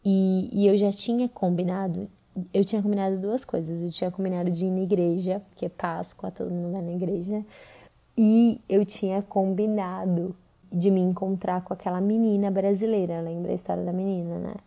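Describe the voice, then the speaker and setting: Gravelly, dark-voiced Brazilian woman. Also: medium pitch, steady tone, a little fast. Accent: Brazilian Portuguese. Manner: conversational retelling with many fillers. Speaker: podcast storyteller. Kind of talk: personal storytelling podcast.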